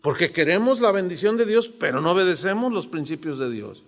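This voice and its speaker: A pastor in his sixties with a Mexican accent delivers a sermon in a conversational way, often posing rhetorical questions to his listeners. His voice is high for a man, his intonation lively, and his pace fairly quick. Each phrase trails off into the long reverb of a church hall.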